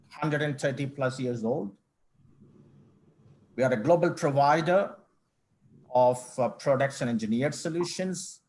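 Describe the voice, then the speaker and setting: A middle-aged man from Kerala, a company managing director speaking as a guest in an online panel interview, measured and formal with frequent restarts. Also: on the high side. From India, Kerala. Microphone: video call.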